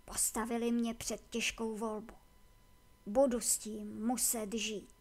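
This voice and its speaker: Tired aging male elder read by a woman, quiet and subdued, storybook. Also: a little high, flat delivery. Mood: weary. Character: weary aged male elder, tired and guilty.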